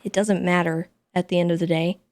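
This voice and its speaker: A woman's voice: lowish voice, flat delivery, brisk, darkish tone. A woman livestreamer chatting casually and informally in a rambling, self-excusing way while playing a role-play game. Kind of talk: casual gaming stream chat during role-play shooter.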